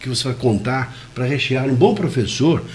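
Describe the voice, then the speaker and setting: Man, communication expert, radio interview, demonstrative delivery, shifting volume and pitch, careful enunciation, medium pitch. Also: normal speed. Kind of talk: web radio interview, explaining.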